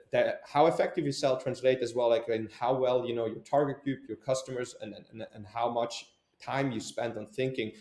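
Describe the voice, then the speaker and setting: The voice is medium-pitched and a little mellow, belonging to a young entrepreneur from Switzerland who is a guest in an interview. Recorded in an echoey space, he hesitates often, filling pauses and restarting his sentences.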